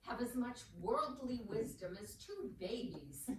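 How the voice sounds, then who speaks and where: A woman's voice: a little high, big pitch swings, a little slow, crowd noise. Woman playing a haughty old rich great-aunt, echoey. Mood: scornful, pressing. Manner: haughty, commanding, scolding old tycoon manner. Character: imperious wealthy old great-aunt, sharp-tongued and scornful. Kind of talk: stage-style period drama dialogue. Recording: very echoey, distant, clearly noisy room recording.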